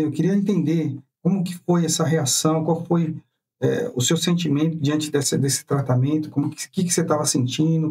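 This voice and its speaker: A husky-voiced Brazilian man hosts the interview, recorded from off the mic. He asks long, wandering questions and keeps up a stream of short replies. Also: on the high side, a little mellow, far from the mic. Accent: Brazilian Portuguese. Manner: rambling questions, frequent back-channel replies. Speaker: podcast host.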